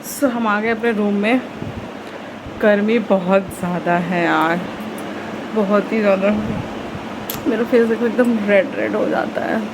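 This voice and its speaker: A woman's voice: mid-range voice, a little slow, long pauses, background noise. A young woman chatting casually in a home vlog, talking to her viewers and asking them questions. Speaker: vlogger.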